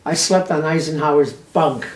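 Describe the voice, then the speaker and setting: An elderly American woman, a war veteran, recalling memories unscripted in short, halting phrases. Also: deep voice, a little mellow. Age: 80s or older. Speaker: war veteran being interviewed. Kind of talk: unscripted reminiscing. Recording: roomy, distant microphone with faint noise.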